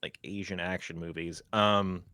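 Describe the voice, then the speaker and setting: A man's voice: sits low, fairly even intonation, normal speed, pushed and bright, no echo. A man co-hosting a podcast, chatting casually about movies in a rambling way with many fillers. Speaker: podcast co-host. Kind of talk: casual film discussion.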